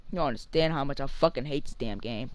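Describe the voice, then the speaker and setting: A man's voice: medium pitch, fast talker. A man streaming a video game live, chatting casually to his viewers, frustrated and swearing a lot. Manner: complains to viewers and talks to his pet. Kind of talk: casual live gaming commentary.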